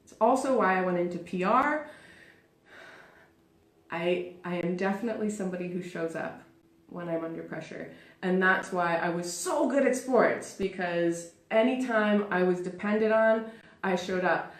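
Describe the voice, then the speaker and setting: A woman's voice: on the low side, moderate pace. A woman in her thirties hosting a live talk show, telling her own story in a theatrical, chatty, self-mocking way. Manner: chatty, with frequent "like" and "super". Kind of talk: live personal monologue. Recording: roomy echo.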